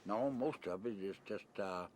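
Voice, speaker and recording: On a noisy amateur videotape from 1990, shot at a desert camp with ambient sound, a retired merchant seaman is interviewed casually. The older American man has a lowish, somewhat dark voice at normal speed, and he rambles in a blunt, plain way, swearing mildly.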